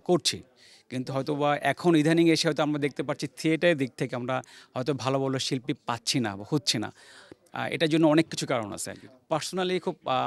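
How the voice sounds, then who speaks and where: A man's voice: a little high, no room sound. A man giving an informal interview answer, mixing in English words. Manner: mixes English words into speech. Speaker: theatre artist being interviewed.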